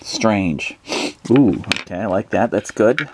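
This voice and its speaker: A man's voice: on the low side, expressive, slow, slight background noise. A man narrating a solo tabletop adventure, thinking aloud with plenty of hesitations as he rolls and decides. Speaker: solo tabletop game player.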